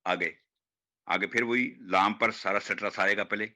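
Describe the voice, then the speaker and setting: A man teaching Quran recitation, demonstrating hard words slowly and repeating each one. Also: fairly low pitch, steady tone, bright, forceful tone. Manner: slow, drawn-out demonstration of each word, repeated. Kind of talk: online pronunciation class.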